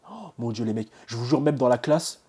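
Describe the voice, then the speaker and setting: A young man vlogging his exam results, nervous and excited, stumbling over his words and restarting his sentences. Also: medium pitch, fairly quick, breathy edge. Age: young adult. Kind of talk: casual vlog reaction.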